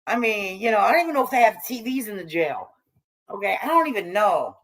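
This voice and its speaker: The audio is poor as a middle-aged or older American woman raised among hippies runs a casual livestream, reading chat and trading salty, slangy, irreverent jokes. Her slightly low voice is a bit bright, with big pitch swings and a fairly quick pace.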